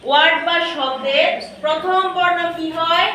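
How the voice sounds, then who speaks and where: A woman's voice: very high voice, moderate pace, sharp tone. A woman teaching English to a class in a classroom, drilling with short questions and repeating each answer back. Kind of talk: classroom drill with call-and-response. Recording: very echoey room, distant mic, audible noise.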